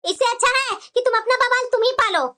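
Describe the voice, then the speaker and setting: A woman voicing a sharp-tongued, nagging mother-in-law in a cartoon. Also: extremely high pitch, brisk. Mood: scolding. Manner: taunting, nagging. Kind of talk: cartoon voice acting.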